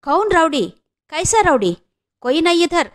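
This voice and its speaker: A woman's voice: very high-pitched, sing-song, normal speed, pitched above the performer's own voice. A woman voicing a kindly male Gurkha watchman who mixes broken Hindi into Telugu in a fatherly way.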